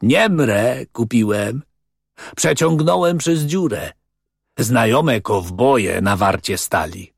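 A man's voice: mid-range voice, lively intonation, slow, vocal fry, breathy edge, dry recording, clean studio sound, exaggerated voice. A man reading as a cocky, scornful young man who talks in a brash, dismissive way.

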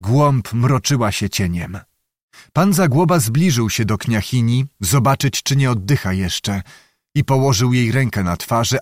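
A man's voice: medium pitch, no echo. Man reading with a dry, close sound. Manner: steady, measured, descriptive reading. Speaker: audiobook narrator. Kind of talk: scripted literary narration.

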